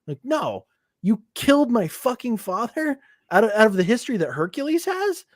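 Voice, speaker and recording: In a clean studio recording with no echo, a man with a very high voice speaks at a moderate pace. He co-hosts a podcast, chatting casually and animatedly about films, full of curse words and constant "like"s.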